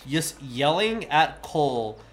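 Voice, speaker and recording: A man's voice: on the high side, sing-song, slow. A man narrating as dungeon master of a tabletop game, laughing often as he describes scenes.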